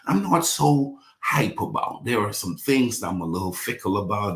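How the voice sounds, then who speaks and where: A Bahamian pastor in his forties preaches a sermon in a low, slightly bright voice, echoing around the room. His style is repetitive call-and-response, restating his points and leading the congregation in affirmations.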